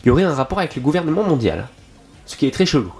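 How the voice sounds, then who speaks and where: A young man streaming a live reaction to an anime, excitable and swearing often, with sudden high exclamations, talking into a desk microphone. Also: racing, vocal fry. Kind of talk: casual live reaction commentary.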